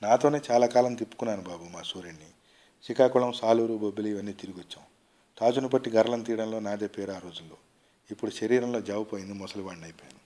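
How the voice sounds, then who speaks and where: A man's voice: on the low side, quick pace, warm tone, close to an everyday voice. A man voicing a poor, humble old village father in a read-aloud story, with a deferential way of speaking. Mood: weary. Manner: deferential, pleading.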